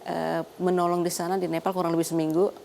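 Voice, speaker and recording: An older woman doctor, a guest on a talk show, telling her story in a lively way and laughing often. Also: fairly low pitch, fast, creaky, slight background noise.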